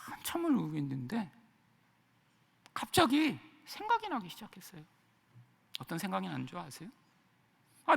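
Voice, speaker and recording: A middle-aged man preaching a sermon as a pastor, telling a personal story in an animated way. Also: very high voice, vocal fry, long reverb tail. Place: church sanctuary.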